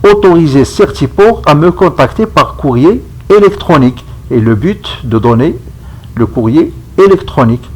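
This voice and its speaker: A man giving a step-by-step software tutorial, checking in with his viewers as he goes. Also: fairly high pitch, animated, breathy edge, rough recording. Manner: slow, step-by-step, checks in with "d'accord?". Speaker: instructor. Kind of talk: screen-recorded software tutorial.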